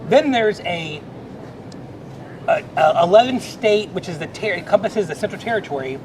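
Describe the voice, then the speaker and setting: Middle-aged man, warmly earnest, rambling, high voice, steady rumble behind. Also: normal speed. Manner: earnest, emotional, rambling with restarts. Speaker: Salvation Army officer. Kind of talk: casual chat. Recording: noisy background rumble.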